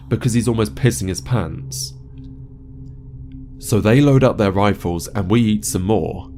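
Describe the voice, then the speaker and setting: A man's voice: lowish voice, a little mellow. Man narrating a profane horror tale. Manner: profane, conversational storytelling. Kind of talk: narrating a first-person horror story. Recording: narration over music bed.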